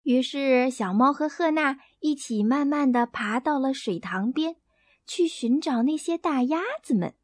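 A woman narrating a bedtime story in a gentle, expressive read-aloud manner. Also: high voice, a little slow, dry recording, clean studio sound.

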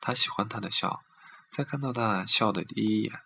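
A man reading a literary story aloud in a steady, measured way. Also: lowish voice, creaky, slight background noise.

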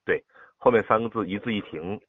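A patient man coaches a child through poem recitation over a phone call. He draws words out slowly to show the phrasing, in a low, husky voice. The sound is thin and tinny, like a phone line. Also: no echo. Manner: patient, demonstrates with slow drawn-out words. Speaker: poetry recitation teacher.

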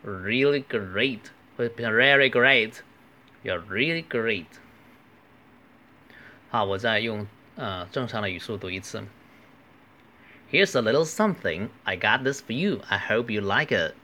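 A man with a Cantonese accent teaching English phrases, reading each line slowly and carefully, then explaining. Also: lowish voice, animated, pushed and bright. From southern China. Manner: slow, careful model phrases between quick explanations. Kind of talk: language lesson.

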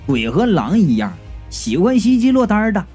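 A man's voice: sits high, very animated, normal speed, mellow, breathy edge, faint music behind. A man narrating a comic first-person story in a wisecracking, colloquial way.

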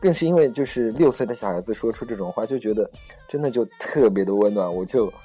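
A young man with a husky, low-mid voice hosts a relaxed talk show, pausing often with fillers and correcting himself as he goes. Faint music sits behind him. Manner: hesitant, many fillers and self-corrections. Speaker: host. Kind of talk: casual chat on a podcast-style program.

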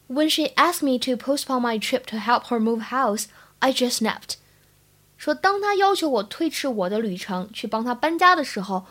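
A woman's voice: fairly high pitch, a bit bright. A young woman from China teaching spoken English, explaining pronunciation step by step in an upbeat way. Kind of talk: podcast-style English lesson.

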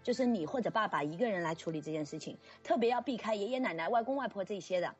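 A woman teacher in casual podcast chat, telling lively stories and acting out children's voices. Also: medium pitch, fast, dull audio, soft background music. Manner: animated storyteller, acts out crying children.

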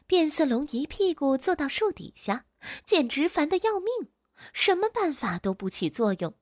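A woman reading a children's storybook aloud in an expressive, animated way. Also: high-pitched, normal speed, no room sound, studio quality.

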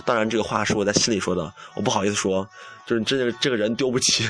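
A man's voice: on the low side, fast talker, fairly bright tone, soft background music. A young man hosting a campus radio show, telling a story in a chatty, self-mocking way and acting out the dialogue. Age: young adult. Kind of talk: casual monologue.

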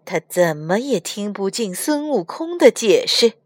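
A woman reading a children's storybook aloud in an expressive, sing-song way, as a storytelling mother. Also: medium pitch, a little slow, no room sound.

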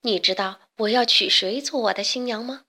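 A boastful young male hunter swaggers through this storybook , a woman putting him on. He drawls his lines slowly and smugly, pitched up. Every word sounds pleased with itself. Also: bright, forceful tone. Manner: smug, swaggering.

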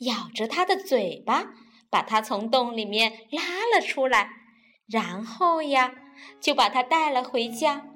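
A woman reads a children's picture book aloud in a playful, animated way. Her voice is high and moves all over the place, and she takes her time with each line. Soft music plays faintly behind her. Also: measured pace. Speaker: storyteller. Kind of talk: children's storybook reading.

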